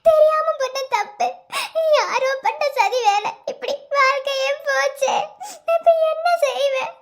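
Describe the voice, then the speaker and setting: Brief: woman playing a tearful pregnant young heroine, cartoon, very high squeaky voice, pleading. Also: measured pace. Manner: pleading, sobbing through words. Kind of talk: cartoon love story voice acting.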